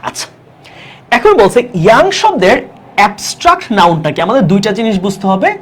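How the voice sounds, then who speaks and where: A woman teaching an exam-prep English grammar lesson, who keeps asking the class check questions and repeats key words slowly for emphasis. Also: mid-range voice, sing-song, husky.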